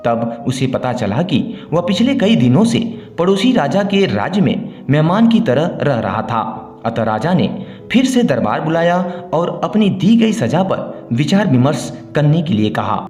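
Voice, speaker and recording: A man narrates a scripted moral story in a storyteller's manner, his voice on the high side with a darkish tone. The recording has a roomy echo, with background music playing behind him.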